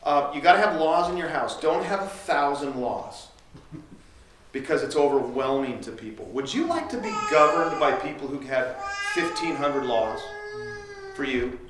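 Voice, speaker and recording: Male pastor, sermon delivery, earnest and direct, slightly high pitch; echoey distant room sound. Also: expressive, normal speed, a bit bright, slight background noise. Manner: direct and earnest, acts out parents and kids.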